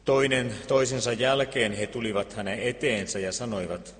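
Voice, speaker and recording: A man reading Scripture aloud and preaching, solemn and measured, with deliberate pauses. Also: mid-range voice, steady tone, fairly bright tone. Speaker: pastor. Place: church. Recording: long church reverb.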